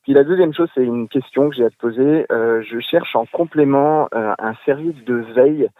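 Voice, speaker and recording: A man leaving a voice message for a podcast, hesitant and halting, stopping often to search for words. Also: medium pitch, dry recording, phone-quality sound. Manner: hesitant, many fillers and restarts. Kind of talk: recorded voice message.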